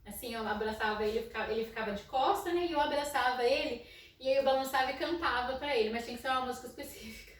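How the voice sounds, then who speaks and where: A Brazilian woman with a naturally loud, fairly high voice shares her school experience as a psychologist. She tells it as a story and keeps checking in with the listener with "né?". The sound is very echoey and a little distant, with faint room noise behind her. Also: very fast. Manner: storytelling with frequent "né?" tags and soft laughs. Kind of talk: casual educational talk.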